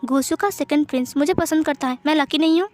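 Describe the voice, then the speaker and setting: A woman's voice: high-pitched, quick pace, close to an everyday voice. A woman voicing a playful, teasing young male lover in a storybook read-aloud. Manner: teasing, giggly lines.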